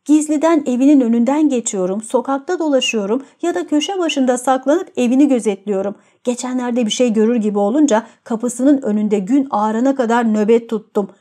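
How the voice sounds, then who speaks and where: A woman's voice: fairly high pitch, a little fast, hardly any pauses, mellow, lightly acted. A woman voicing a tormented, jealous young man who tells his story in a gloomy, brooding way.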